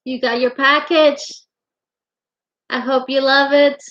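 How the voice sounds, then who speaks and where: Middle-aged lady chatting on a home livestream, kinda high voice, calls everyone honey, dull lo-fi sound. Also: flat delivery, slow, a bit bright. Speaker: livestream host. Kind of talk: casual livestream chat, greeting viewers. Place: home craft room, indoors.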